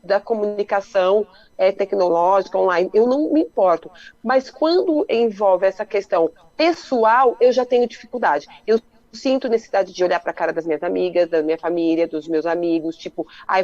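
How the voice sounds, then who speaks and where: A woman's voice: mid-range voice, a little mellow, no room sound, highs cut off. A woman hosting a radio talk show, chatting casually and joking about herself in colloquial speech. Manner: chatty, self-mocking, colloquial.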